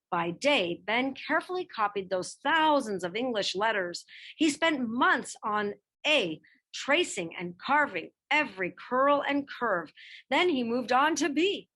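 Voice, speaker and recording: In a fairly high voice, a woman reads aloud a children's picture book biography, following the script expressively. She goes slowly and deliberately, her pitch swinging widely as she stresses key phrases.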